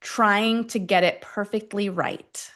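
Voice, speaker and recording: With fairly even intonation and a fairly bright tone, a woman at medium pitch guides a self-affirmation session. Her phrases are short and deliberate, spaced by long pauses, much like a guided meditation.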